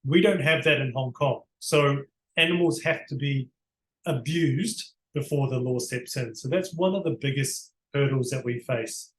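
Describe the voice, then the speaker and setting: A barrister with a New Zealand accent answers questions in a conversational interview, explaining things earnestly and frequently restarting. His mid-range voice is fairly bright and measured in pace. The room is echoey and the audio is poor.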